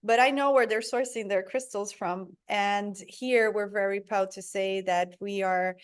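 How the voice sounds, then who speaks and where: A woman's voice: mid-range voice, steady tone, measured pace, smooth. A woman from Brazil, a guest in a podcast interview, speaking earnestly and searching for words with many fillers. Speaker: guest, product founder. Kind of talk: conversational interview.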